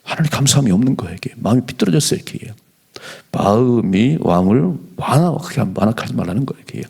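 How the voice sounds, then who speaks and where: A middle-aged male pastor giving an animated dawn prayer sermon in a church, slowing down whenever he reads scripture aloud. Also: medium pitch, creaky, breathy edge. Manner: animated preaching, slows to read scripture aloud. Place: church sanctuary.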